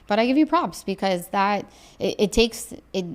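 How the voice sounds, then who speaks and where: A woman from Ontario co-hosting a casual podcast, chatty and quick to laugh. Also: mid-range voice, lively intonation. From Ontario, Canada. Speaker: podcast co-host. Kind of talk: casual chat.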